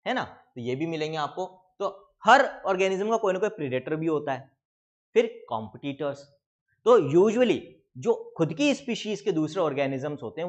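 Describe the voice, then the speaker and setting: Speaking at a fairly high pitch, a man gives an exam-prep biology lecture, slowly reading textbook lines before explaining them and addressing his students as beta.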